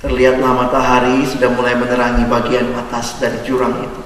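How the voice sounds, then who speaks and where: A man's voice: mid-range voice, monotone, a little fast, a bit bright, slight background noise. A man giving a sermon-style Bible teaching to a fellowship audience, conversational and joking, telling stories as he goes. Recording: echoey hall, voice from far off.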